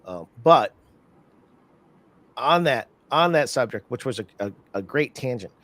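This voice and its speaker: A man hosting an interview in casual chat, animated and talkative, acting out other people's lines as he tells stories. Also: medium pitch, no room sound. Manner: animated storyteller, acts out scammers' lines in quick bursts. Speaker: podcast host.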